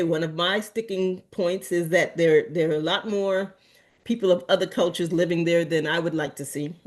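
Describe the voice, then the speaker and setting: A chatty woman from Antigua and Barbuda, presenting informally at a community association meeting, rambles in a fairly low voice. She meanders, with many ums, fillers, and restarts.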